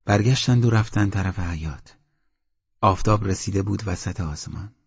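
A man narrates an audiobook in a steady, measured storytelling voice. His voice sits low and has a husky edge. The recording is dull and lo-fi. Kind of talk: scripted narration.

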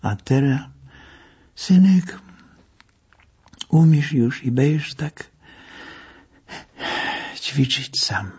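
A man's voice: sits high, big pitch swings, takes it slowly, long pauses, warm tone, slightly rough, pitched above the performer's own voice, exaggerated voice. A man voicing a brusque but caring old male doctor with a Lwów dialect, barking orders at his patient. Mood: gentle. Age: over 70. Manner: blunt, bossy, barking orders. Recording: dull lo-fi recording.

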